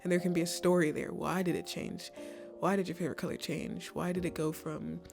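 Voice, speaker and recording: A woman's voice: lowish voice, level tone, fairly quick, gravelly, music in the background. A young woman casually giving college essay advice, chatty and full of "like"s and restarts. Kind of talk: casual advice talk to camera.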